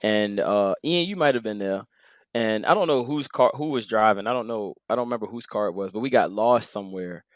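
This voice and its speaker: A young man co-hosts a podcast in casual chat, teasing his friends in slangy, animated talk. His voice sits a little low. It has a dry, close sound with no room in it. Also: fairly quick, no echo, muffled recording. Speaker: podcast co-host.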